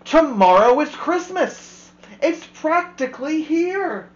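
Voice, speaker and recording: A man voicing a grumpy, scheming male creature from a storybook, snarling and loud, in a roomy, slightly dull home recording. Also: very high voice, sing-song, slow, voice pushed up, full character voice.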